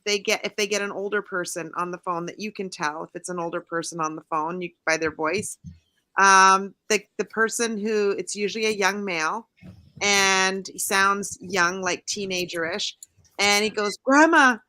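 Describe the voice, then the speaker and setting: Woman, podcast co-host, casual chat, animated storyteller, bright tone. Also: mid-range voice, normal speed.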